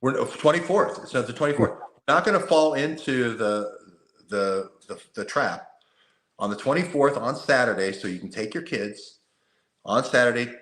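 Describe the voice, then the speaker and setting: A man's voice: mid-range voice, animated, normal speed, fairly bright tone. A man talking on a talk show, emphatic and fond of repeating his points for effect. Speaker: guest. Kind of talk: conversational talk-show commentary. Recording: roomy echoey sound.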